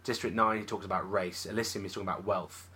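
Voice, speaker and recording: A man's voice: low-pitched, steady tone, fast, sharp tone, husky. A man co-hosting a film podcast, talking eagerly and thinking aloud in casual chat. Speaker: podcast co-host, film reviewer.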